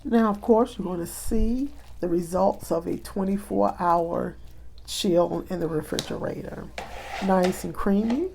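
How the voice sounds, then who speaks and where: Woman cooking host, homey and chatty, unhurried delivery, gravelly voice, home kitchen. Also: lowish voice, darkish tone, slight background noise. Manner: chatty, homey, with frequent fillers. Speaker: cooking vlogger. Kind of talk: casual recipe demonstration.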